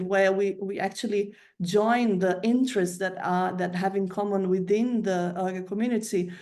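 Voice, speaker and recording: A woman from Brazil giving a prepared talk to colleagues, measured and hesitant, with frequent fillers and self-corrections. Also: mid-range voice, darkish tone. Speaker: candidate presenting a funding plan.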